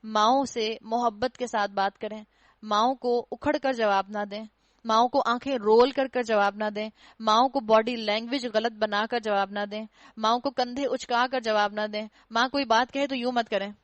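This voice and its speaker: A woman's voice: on the high side, fairly even intonation, no echo, lo-fi sound. A woman giving an earnest religious lecture to girls in Pakistani Urdu, admonishing and acting out children's retorts. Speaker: Quran teacher.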